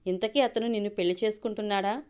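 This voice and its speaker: Composed, wry woman, read by a female storyteller, mid-pitched. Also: steady tone, quick pace, a little mellow, clean tone, natural voice. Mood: questioning.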